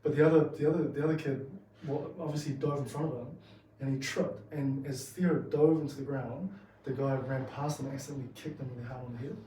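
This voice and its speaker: Mellow New Zealand man interviewing casually. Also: mid-range voice, fairly even intonation, fast talker, few pauses. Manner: informal, matey, often saying bro. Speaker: podcast interviewer. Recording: roomy echo, distant mic, faint noise.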